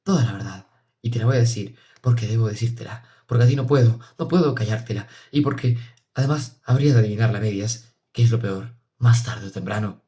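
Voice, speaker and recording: A man's voice: fairly low pitch, a little fast, mellow, natural voice. A man voicing a young man who speaks earnestly and confidingly to his sister in an audiobook. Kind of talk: audiobook dialogue.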